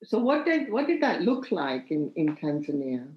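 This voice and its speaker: A woman hosting a podcast interview, asking gently probing questions. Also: low voice, sing-song, moderate pace, highs cut off. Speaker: podcast host. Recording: roomy echoey audio.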